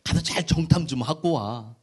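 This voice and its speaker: A pastor acting out an old father who gruffly scolds and instructs his son. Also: a little high, normal speed. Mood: instructing.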